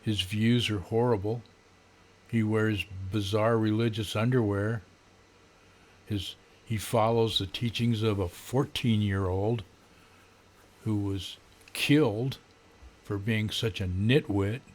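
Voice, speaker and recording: Older American male, 70s, lowish voice, halting and disdainful, grumbling political rant at a desk mic. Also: steady tone. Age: older, around 70s. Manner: grumbling old-man rant, disdainful and sardonic; halting, with frequent throat clearing. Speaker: political vlogger. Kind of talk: unscripted political rant to camera. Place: small home room, indoors. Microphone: desk condenser microphone.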